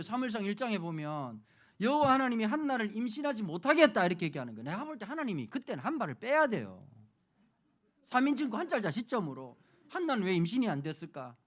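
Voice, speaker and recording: A man's voice: high voice, fast talker. A middle-aged male pastor from Busan giving a humorous sermon lecture, joking and putting questions to the audience. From Busan, South Korea. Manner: lively, jokey, addresses audience with questions.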